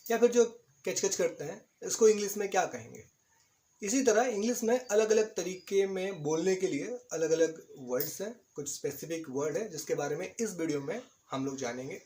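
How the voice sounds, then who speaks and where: Man, high voice, English teacher, explanatory video lesson, spells words out, patient. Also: dark tone. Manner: patient, repeats "right?", spells words out letter by letter.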